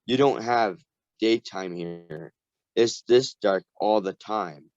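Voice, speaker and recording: A man's voice: lowish voice, slow, a little mellow, no echo. Man reading as a blunt, world-weary dwarf. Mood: matter-of-fact. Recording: dull lo-fi recording.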